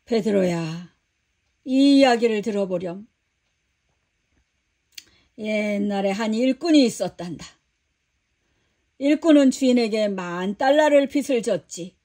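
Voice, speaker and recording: A woman voicing Jesus as a gentle, patient male teacher who tells a story calmly and kindly to a disciple. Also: medium pitch, measured pace, pauses often, pitched below the performer's own voice.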